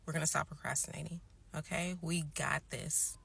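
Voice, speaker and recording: A woman with a lowish, heavily creaky and husky voice chats casually to motivate her listeners. She coaxes them along and keeps checking in. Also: steady tone, normal speed, fairly bright tone. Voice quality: gravelly, husky.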